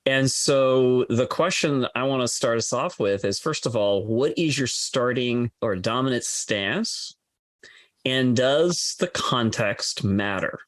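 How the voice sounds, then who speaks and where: A man's voice: mid-range voice, slow, dry recording. Dry-sounding male podcast host. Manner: explanatory, with filler restarts. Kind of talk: conversational interviewing.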